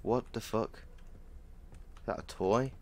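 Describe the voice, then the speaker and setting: Slow, low-voiced swearing gamer man. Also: gravelly, a little mellow. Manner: swears a lot, jumpy reactive outbursts. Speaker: gaming streamer. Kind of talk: horror game let's play commentary.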